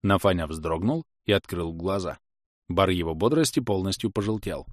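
A man's voice: sits low, normal speed, no room sound, studio quality. A man narrating a first-person audiobook in a wry, matter-of-fact way.

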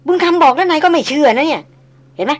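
A woman's voice: high-pitched, lively intonation, a little fast, pitched above the performer's own voice. A woman voicing a blunt, jovial old male jungle hunter who talks in coarse folksy speech. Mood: worried confiding.

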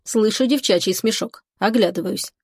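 A woman reads a first-person story at a middle pitch, with a wry, mocking edge to her telling. Her voice is dry and close, with no room sound around it. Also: normal speed, slightly rough, dry recording. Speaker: audiobook reader. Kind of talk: first-person novel narration.

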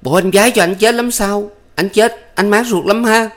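A man reading a story, voicing a frantic, quarrelsome young village woman with shrill, panicked cries. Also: normal speed, lightly acted.

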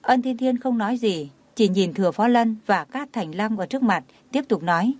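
A woman narrating a dramatic story as an audiobook in a steady reading voice. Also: a little high, normal speed, no room sound.

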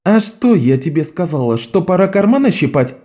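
A man voicing a bossy, sharp-tongued young girl thief who leads a gang of boys, scolding and commanding. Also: sits high, very animated, moderate pace, voice pushed up. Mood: exasperated.

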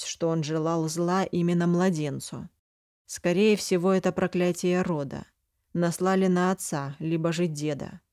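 A woman's voice: on the low side, no echo, clean studio sound, lightly acted. Woman reading a cold, stern duke-mage. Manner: calm, cold, interrogating. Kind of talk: audiobook character reading.

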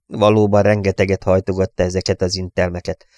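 A man calmly narrating a novel as an audiobook reader, in an even reading manner. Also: low voice, no echo, clean studio sound.

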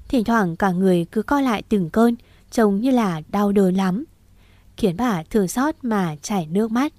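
Mellow-voiced woman narrating a story. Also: medium pitch, dry recording. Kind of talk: audiobook narration.

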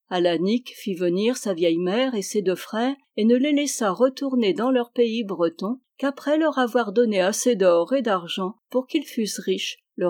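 A woman narrating a fairy tale as an audiobook reader, in a measured, even storytelling manner. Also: medium pitch.

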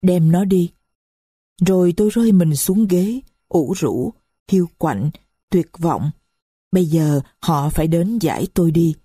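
A woman's voice: fairly low pitch, animated, measured pace, dark tone, slightly rough, no echo, clean studio sound. A woman narrating a first-person story in a somber, grieving, reflective way.

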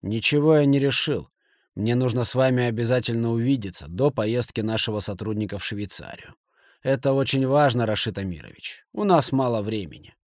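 A man's voice: medium pitch, brisk, no echo, natural voice. A spiteful, jittery banker who snaps his lines with tense edges, as a male reader voices him close to his own voice. The recording is dry and close-miked, as in a studio audiobook.

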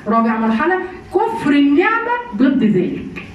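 A woman's voice: high-pitched, sing-song, moderate pace, highs cut off, slight background noise. A woman with an Egyptian accent giving a religious lesson to women, asking her class rhetorical questions. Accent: Egyptian Arabic. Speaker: Quran commentary teacher. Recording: echoey room, distant mic.

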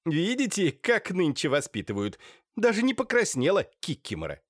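A man voicing a shrill, hysterical middle-aged woman who hurls venomous insults. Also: wildly swooping pitch, normal speed, dry recording, studio quality. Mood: furious, spiteful. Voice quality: shrill, screeching. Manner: venomous insults, theatrical outbursts.

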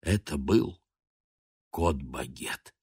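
Brief: male audiobook narrator; low voice, unhurried and expressive delivery with a wide swing in pitch. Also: breathy edge, no echo, studio quality. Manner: expressive, measured storytelling. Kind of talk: storybook narration.

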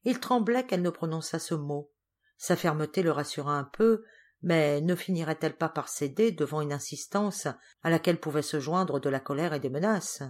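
A woman narrating a classic novel as an audiobook reader, expressive and dramatic. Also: deep voice, moderate pace. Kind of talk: scripted narration.

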